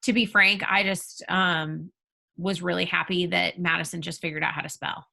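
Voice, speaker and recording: A woman's voice: on the low side, fairly even intonation, normal speed, gravelly, pushed and bright. A woman on a panel, a homeschooling parent, talking candidly and rambling a little. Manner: candid, rambling, laughs easily. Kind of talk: casual panel discussion.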